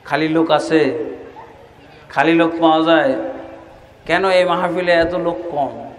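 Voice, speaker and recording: A male preacher from Bangladesh delivering an impassioned sermon to a large outdoor gathering, shouting at its peaks with mocking asides. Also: fairly high pitch, fairly even intonation, measured pace, some chatter behind. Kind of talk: fiery sermon at an open-air gathering. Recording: echoey loudspeaker sound with long reverb.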